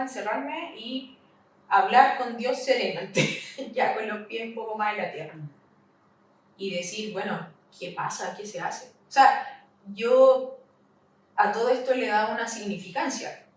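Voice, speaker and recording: A woman with a Chilean accent, a podcast guest recounting a personal loss, halting and repeating herself. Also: medium pitch. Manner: halting, repeats herself, voice rises in retold questions. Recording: echoey room, mic at a distance, faint hiss.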